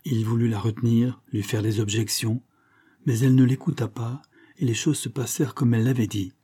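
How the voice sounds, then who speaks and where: A man narrating a classic novel as an audiobook in a steady, measured way. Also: mid-range voice, husky.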